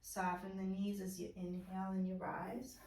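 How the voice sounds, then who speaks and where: A woman teaching a guided chair yoga class, giving slow, soft-spoken breath cues. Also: medium pitch, level tone, recorded from a distance. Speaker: yoga instructor. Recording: roomy echo, voice away from mic.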